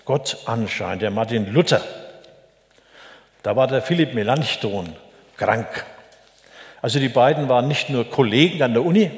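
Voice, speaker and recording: A man's voice: mid-range voice, expressive, moderate pace, pauses often. An older man preaching a sermon in a chatty, folksy way, with frequent tag questions to his listeners. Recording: echoey hall with long reverb.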